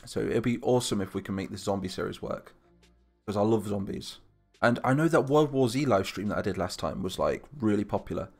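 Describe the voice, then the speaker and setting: A man's voice: lowish voice, lively intonation, brisk, soft background music. Rambling young man chatting on a live stream. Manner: rambling, many "like" fillers. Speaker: gaming channel host streaming live. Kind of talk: casual live-stream chat.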